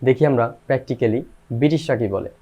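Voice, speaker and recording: A man teaching an English pronunciation lesson, spelling out letters and repeating each word slowly for the viewer. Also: medium pitch, warm tone, muffled recording.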